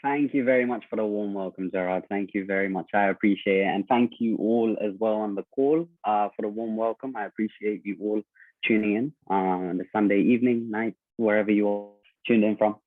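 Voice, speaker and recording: Low-voiced man over a tinny line. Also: a little fast, no echo. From London, United Kingdom. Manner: steady, polite, lots of ums and "okay?". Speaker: trading educator and guest. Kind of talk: telling his life story on a call. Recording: dry, tinny phone-like call line.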